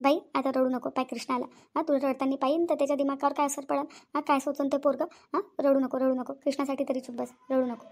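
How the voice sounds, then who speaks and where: A woman's voice: high voice, steady tone, fast. A woman voicing a comforting adult female friend in a cartoon, soothing and reassuring, often checking with a short "hm?". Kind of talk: Marathi cartoon voice acting.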